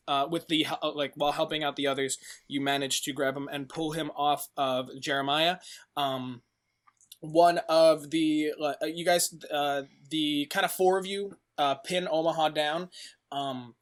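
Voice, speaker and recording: A man's voice: on the high side, steady tone, unhurried, a bit bright. A man narrating a tabletop horror game as game master, rambling with many fillers. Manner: rambling, filler-heavy, laughs often.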